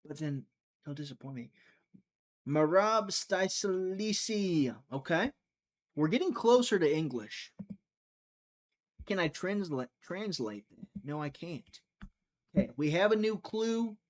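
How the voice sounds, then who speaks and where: On his live prediction stream, a high-pitched, expressive man talks slowly with long pauses, chatting with viewers, thinking aloud and occasionally drifting into a mutter.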